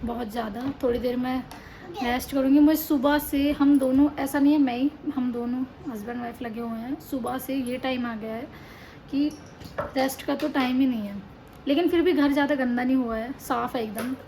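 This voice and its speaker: Tired young woman vlogging at home, high voice. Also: fairly even intonation, normal speed, dark tone. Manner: chatty, tired and complaining. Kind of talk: casual home vlog. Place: indoors at home. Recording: noisy home recording. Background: child crying and playing.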